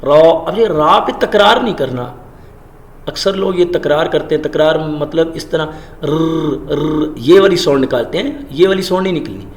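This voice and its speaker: A man teaching Quran letter pronunciation, drawing out and stressing each letter sound loudly before explaining it more quietly. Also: lively intonation, echoey room, slight background noise. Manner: demonstrates letter sounds slowly and loudly, then explains in a lower voice. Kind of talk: tajweed pronunciation lesson.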